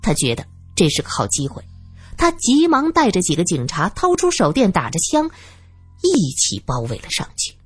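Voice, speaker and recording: A woman narrating a serialized audiobook, animated and acting out each character. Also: fairly low pitch, normal speed, slightly rough, dry recording, soft background music. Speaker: storyteller.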